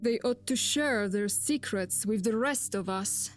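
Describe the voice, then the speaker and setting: A woman narrating the opening of a game in a slow, grave, scripted delivery. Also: medium pitch, close to an everyday voice.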